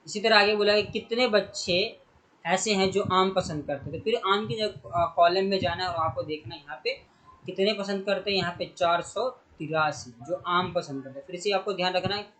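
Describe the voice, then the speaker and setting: A young man with a notably high-pitched voice teaches a primary school math lesson. He counts through each sum step by step and speaks straight to the pupils as he works. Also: normal speed, a bit bright, low-quality recording. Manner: talks through sums step by step, addressing pupils directly.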